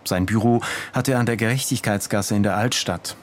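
A man hosting a radio feature, speaking in calm, measured scripted narration. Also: lowish voice, a little hiss or hum. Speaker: radio host. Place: home office.

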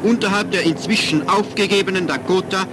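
A man's voice: high voice, a little fast, background noise. A man giving formal, declamatory 1940s newsreel narration, heard as a clip from an old newsreel soundtrack.

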